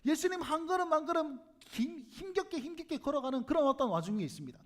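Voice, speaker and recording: Male pastor, Gyeongsang accent, animated sermon with a lively, swooping delivery. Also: very high-pitched, fast talker. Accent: Gyeongsang Korean. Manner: animated storytelling, acts out crowd voices, jokes with congregation. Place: church sanctuary.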